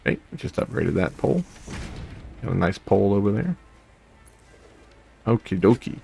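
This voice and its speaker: A man's voice: fairly low pitch, sing-song, normal speed, vocal fry, dark tone, a little hiss or hum. A young man casually chatting and rambling while playing a video game, humming to himself between thoughts. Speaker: gaming video host. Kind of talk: casual let's play commentary.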